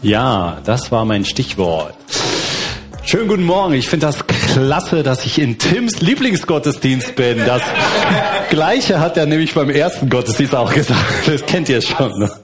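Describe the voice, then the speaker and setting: A middle-aged man from Berlin preaching a sermon as a guest pastor, relaxed and conversational with frequent fillers. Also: medium pitch, a little slow, soft background music. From Berlin, Germany.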